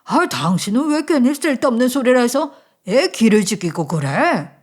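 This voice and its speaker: A woman voicing a hot-tempered older husband and father-in-law who scolds loudly and dotes on his daughter-in-law. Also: on the high side, very animated, measured pace, full character voice. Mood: soothing then scolding. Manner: loud, scolding, blustering.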